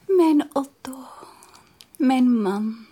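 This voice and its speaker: An actress playing Eline, an emotional, highly strung young woman in a radio drama, often speaking in a soft, breathy whisper. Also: lively intonation, measured pace. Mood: tender whisper. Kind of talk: 1980s radio drama acting.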